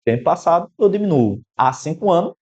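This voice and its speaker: A man's voice: a little high, animated, fairly quick, a little mellow. A man with a Brazilian Portuguese accent teaching an exam-prep math lesson, explaining an equation step by step and speaking directly to the student. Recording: slightly dull, lo-fi sound.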